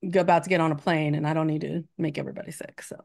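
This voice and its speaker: A woman's voice: low-pitched, fairly even intonation, racing, gravelly, darkish tone. A woman educator co-hosting a casual podcast chat, telling stories with frequent laughs while getting over an illness. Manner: chatty storyteller, laughs often. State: recovering from illness. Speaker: math educator, co-host.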